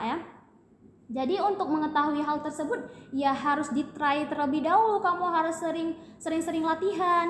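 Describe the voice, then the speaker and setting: A young woman from Aceh, a student guest chatting casually on a podcast, explaining with lots of fillers. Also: sits high. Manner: chatty, explains with many fillers, addresses listeners as guys. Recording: echoey room with faint noise.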